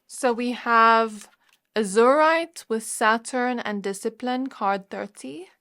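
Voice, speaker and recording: A woman giving a pick-a-card tarot reading as a channel host, talking to the viewer in a gentle, reassuring way and often pausing to search for words. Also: on the high side. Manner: musing, searching for words with frequent fillers. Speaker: tarot reader.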